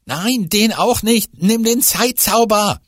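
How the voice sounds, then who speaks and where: A man voicing a plucky young boy in an audiobook adventure, calling out in urgent, excited bursts. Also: sits high, moderate pace, breathy edge, dry recording, clean studio sound, pitched above the performer's own voice, heavily acted.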